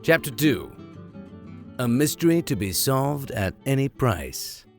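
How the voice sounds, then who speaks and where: The host of a classics podcast reads classic books aloud in a playful, sardonic way, drifting between narration and offhand comic tangents. His mid-range voice is sing-song and slow, with faint music in the background.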